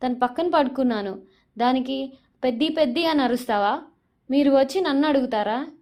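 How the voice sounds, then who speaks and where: A woman voicing a stubborn young husband from a TV serial, arguing loudly and insistently. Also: high-pitched, brisk, voice pushed up. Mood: aggrieved. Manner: loud, pleading, keeps arguing back.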